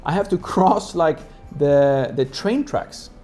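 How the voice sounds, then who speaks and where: Mellow-voiced speaker from Sweden, rambling chat. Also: mid-range voice, slow, soft background music. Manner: rambling, heavy use of "like" fillers. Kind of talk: casual chat.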